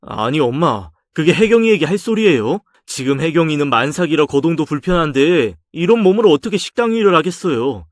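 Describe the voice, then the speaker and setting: A man's voice: a little high, expressive, fairly quick, few pauses, no echo, clean studio sound, lightly acted. A man voicing a young husband who argues with his mother to protect his pregnant wife. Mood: exasperated. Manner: pleading, exasperated. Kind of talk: dramatized story reading.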